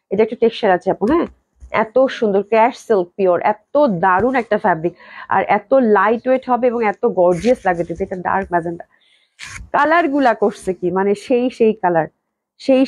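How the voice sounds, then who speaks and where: A young woman, hoarse from a cold, gushing with repeated praise as she sells clothes on a live stream. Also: mid-range voice, a little mellow, no echo. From Bangladesh. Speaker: online clothing seller.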